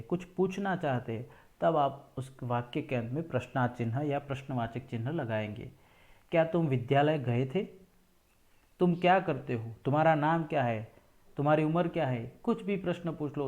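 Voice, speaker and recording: A man's voice: medium pitch, darkish tone. A man teaching a school grammar lesson, explaining step by step and repeating examples.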